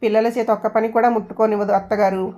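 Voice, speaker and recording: A woman's voice: medium pitch, flat delivery, fast, dark tone, natural voice. A woman voicing an outspoken older aunt who lectures bluntly. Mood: lecturing.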